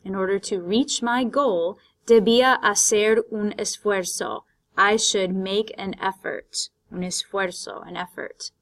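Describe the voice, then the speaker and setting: A woman's voice: mid-range voice, fairly even intonation, takes it slowly, fairly bright tone. A woman teaching Spanish vocabulary, patiently explaining words in Spanish and English. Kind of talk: vocabulary lesson, bilingual.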